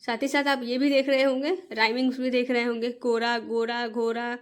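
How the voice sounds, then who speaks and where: A woman teacher explaining to parents how to teach children to read. She breaks words into syllables and repeats each word slowly and patiently. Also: sits high, steady tone. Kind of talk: slow, patient Hindi reading lesson.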